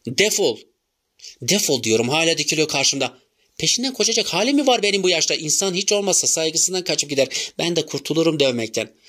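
A man's voice: medium pitch, expressive, brisk. Man voicing a raging old team boss. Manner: shouting, raging threats. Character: furious old male work-team boss with a whip.

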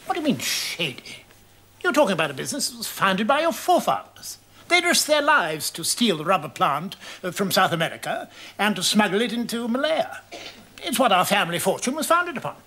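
A man's voice: high voice, sing-song, fairly quick, pushed and bright, heavily acted. An actor playing a blustering, pompous upper-class father in a sitcom, with studio audience laughter. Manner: pompous, indignant. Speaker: aristocratic father. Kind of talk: 1990s studio sitcom acting.

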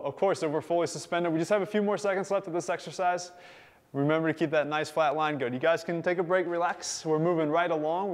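Male fitness instructor, slightly higher voice, upbeat and encouraging, coaching a workout class. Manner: upbeat, encouraging, counting down time.

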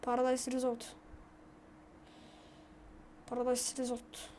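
A woman with a high, light voice chatting casually over her own mobile gameplay as a YouTuber. She is excitable and, when things go wrong, spirals into frantic repeated complaints, with a faint hiss behind her. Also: slow pace. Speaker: gaming YouTuber.

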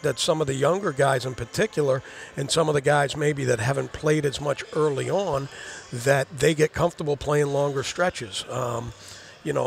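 Speaking with vocal fry in a mid-range voice, this middle-aged man is an assistant basketball coach doing a rambling postgame interview. He's on a headset mic at a studio set inside a gym, frequently repeating words as he works out his thoughts.

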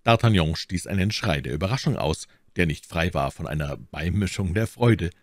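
Male audiobook narrator, low voice, animated reading, dry booth sound. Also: moderate pace, no room sound. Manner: steady, lowered storytelling voice. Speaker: audiobook reader. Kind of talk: scripted narration of a classic novel.

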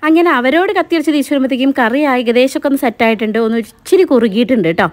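A woman's voice: high voice, very fast. A woman chatting casually to viewers while cooking at home, filmed on a handheld phone. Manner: chatty, addresses viewers as guys. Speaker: vlogger and mother. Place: home kitchen and living room.

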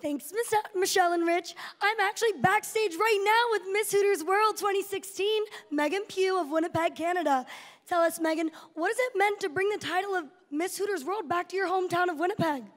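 Very high-voiced woman presenting backstage. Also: brisk. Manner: bright, scripted presenter delivery. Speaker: backstage interviewer. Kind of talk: live show presenting. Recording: reverberant hall.

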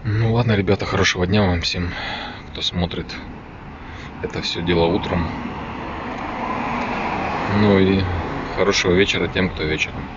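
Low-voiced man vlogging over street noise. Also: fairly even intonation, moderate pace, pauses often. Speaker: motovlogger. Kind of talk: casual vlog chat to viewers. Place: outdoors, street and pavement cafe table. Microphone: handheld phone close to the speaker. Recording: muffled phone audio with street noise.

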